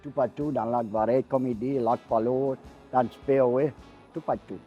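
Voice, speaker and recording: A man's voice: medium pitch, fairly even intonation, moderate pace, muffled recording, soft background music. An older man from Louisiana with a Cajun French accent, chatting casually in a rambling, repetitive way. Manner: rambling, repeats himself. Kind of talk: casual chat.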